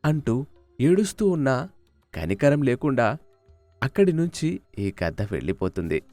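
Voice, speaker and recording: This is a man narrating a children's cartoon story. His delivery is expressive, with a pitch that swings widely around a mid-range voice. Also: a little slow, dry recording, soft background music.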